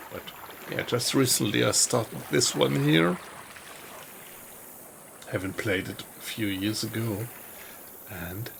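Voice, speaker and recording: Guy streaming a game, slow n creaky, thinks out loud, bit of typing noise. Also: mid-range voice. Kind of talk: casual live-stream chat while playing. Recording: background noise with keyboard typing.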